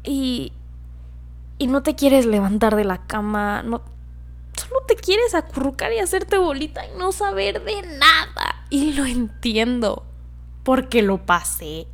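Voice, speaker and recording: A young woman hosting a casual advice monologue, affectionate and chatty, often laughing and sometimes dropping to a soft murmur. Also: sits high, animated, slow. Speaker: podcast host.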